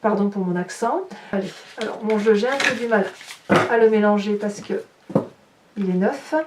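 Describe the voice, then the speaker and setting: Heavy background noise surrounds this tarot reader, who speaks at medium pitch and normal speed while turning the cards. She muses aloud, hesitating and asking rhetorical questions, and the distant mic gives a roomy sound.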